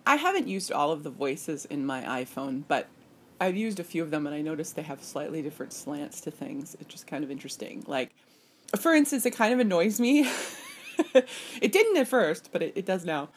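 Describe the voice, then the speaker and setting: A woman hosting a casual solo podcast, chatty and self-deprecating, who jumps up in pitch when she mimics voices. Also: animated, normal speed, slight background noise. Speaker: podcast host.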